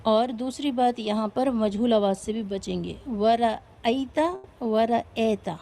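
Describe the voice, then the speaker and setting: A woman's voice: fairly high pitch, vocal fry, dark tone. A woman teaching a recitation class, explaining each rule patiently step by step and asking her students questions.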